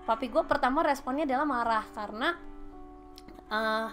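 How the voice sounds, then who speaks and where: A woman in her late twenties with a Sundanese-tinged Indonesian accent, a podcast guest telling her story in lively casual chat and mixing in English phrases. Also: high-pitched, moderate pace, faint music behind. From Bandung, Indonesia.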